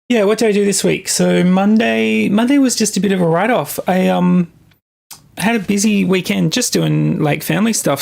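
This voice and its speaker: A young adult music producer chats casually with viewers on a live stream while working on tracks, thinking aloud in a halting way. His voice is mid-range, creaky, and darkish in tone.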